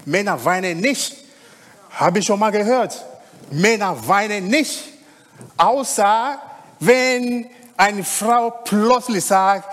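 High, lively preacher in a hall. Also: male voice. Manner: conversational preaching, frequent "ja?" tag questions. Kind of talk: sermon.

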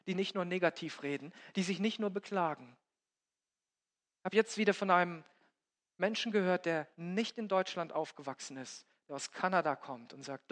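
A man preaching a sermon, swinging between loud emphatic peaks and hushed, quiet passages. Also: sits high. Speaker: pastor. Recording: long hall reverb.

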